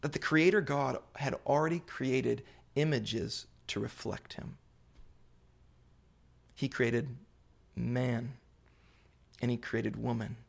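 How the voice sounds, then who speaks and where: Man, preacher, medium pitch, heavy vocal fry, sermon delivery, deliberate pauses, emphatic repetition, rhetorical questions. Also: fairly even intonation. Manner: rhetorical questions put to listeners. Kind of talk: sermon, Bible exposition to a congregation.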